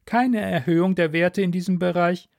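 A man voicing a calm, inquisitive male alien mentor in a measured, questioning way. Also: sits high, gravelly, dry recording, clean studio sound, pitched above the performer's own voice. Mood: probing.

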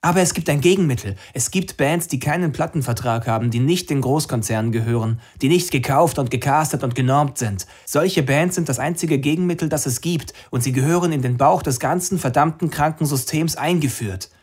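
A man's voice: fairly high pitch, a little fast, hardly any pauses, darkish tone, breathy edge, voice pushed up. A man voicing a young woman activist who declaims an impassioned speech to a crowd from a rooftop.

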